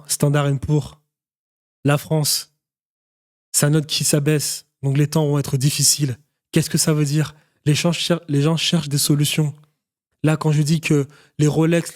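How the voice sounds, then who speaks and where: A man's voice: fairly high pitch, a little mellow. A man, a business consultant, giving a direct and urgent motivational talk on doing business online.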